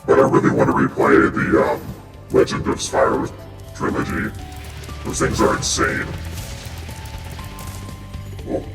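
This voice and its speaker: A gamer talking through a voice changer that drops the voice to an extreme, rumbling low, which turns their goofy, self-mocking commentary into something slow and dragging. The sound is echoey and set back from the mic, with game music playing underneath. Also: completely flat delivery, distant mic. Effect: voice changer pitching the voice very deep. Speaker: streamer playing a platform game. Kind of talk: casual gameplay commentary.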